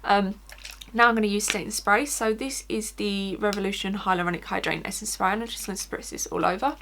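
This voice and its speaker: A beauty vlogger with an Essex accent chats informally through a casual makeup tutorial, frequently saying "like". Her voice is medium-pitched and a little fast, with a noisy background.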